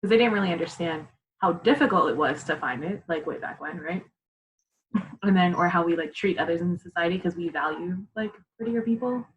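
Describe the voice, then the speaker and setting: A woman's voice: fairly low pitch, fairly quick, poor audio. A woman in an online workshop, chatting eagerly and laughing between her points. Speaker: workshop participant. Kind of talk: casual discussion. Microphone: video call.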